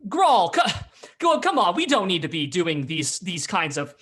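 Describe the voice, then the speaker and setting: A man's voice: high voice, big pitch swings, normal speed, fairly bright tone, pitched above the performer's own voice, full character voice. A man voicing Baldur, a very drunk, blustering friend who slurs his words. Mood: placating. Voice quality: slurred, blustering. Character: drunk blustering old friend, staggering and slurring.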